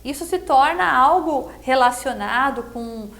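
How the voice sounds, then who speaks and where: Speaking unhurriedly and expressively, this middle-aged Brazilian pre-candidate has a high, creaky voice with a fairly bright tone. Being interviewed in a conversational setting, she earnestly explains her positions and keeps tossing in short tag questions to check in.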